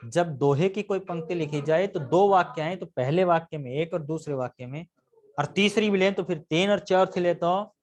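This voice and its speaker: A man's voice: on the high side, normal speed. A man teaching a live grammar lesson, constantly quizzing his students with questions and answering them himself.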